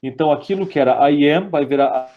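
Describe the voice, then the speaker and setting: A man with a Brazilian Portuguese accent giving a webinar grammar lesson, explaining step by step and reading out English examples slowly. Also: a little high, muffled recording. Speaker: lecturer.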